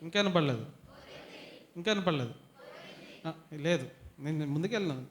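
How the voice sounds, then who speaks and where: A man's voice: fairly high pitch, animated, moderate pace, slight background noise. Man quizzing a youth group. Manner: quizzes the audience, urges them to answer louder. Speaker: bible study teacher. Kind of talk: interactive bible teaching to youth. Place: retreat hall.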